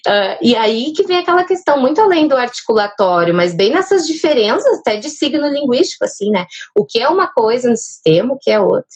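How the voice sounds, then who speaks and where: A woman's voice: on the high side, big pitch swings, a little fast, few pauses, slightly rough. A woman explaining child speech development on a live stream, with a manner full of fillers. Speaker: speech therapist guest.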